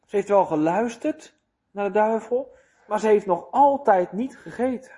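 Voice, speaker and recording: A man preaching a sermon in a deliberate, emphatic way, with rhetorical questions to his listeners. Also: high voice, lively intonation, warm tone.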